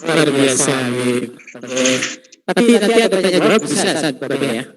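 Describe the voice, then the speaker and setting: A man's voice: medium pitch, lively intonation, moderate pace, far from the mic, low-quality recording. A man moderating a school event, polite and hesitant, with many fillers. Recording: loud crowd behind.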